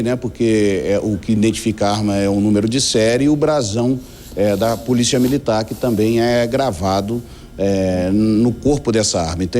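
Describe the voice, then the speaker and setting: A Brazilian police commander answers an interviewer with halting, filler-heavy phrasing. His voice sits on the low side. Faint noise sits behind him. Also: a little mellow. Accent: Brazilian Portuguese. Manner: hesitant, many fillers.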